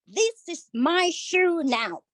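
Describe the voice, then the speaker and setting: A woman voicing a cruel, gloating wicked witch in a storybook reading, with slow, cackling delivery. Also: very high voice, animated, no room sound, pitched above the performer's own voice, heavily acted. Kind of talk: storybook read-aloud for English learners.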